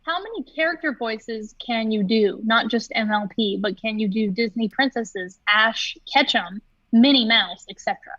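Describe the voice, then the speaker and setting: A young woman, a voice actress, chatting casually on a livestream and telling animated stories. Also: fairly high pitch, normal speed, no echo, muffled recording. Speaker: voice actress, co-host.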